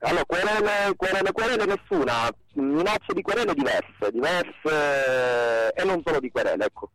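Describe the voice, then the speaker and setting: A man's voice: a little high, animated, moderate pace, a bit bright, low-quality recording. A man speaking through a disguised voice as a guest in a casual radio interview, with a dry, ironic way of joking.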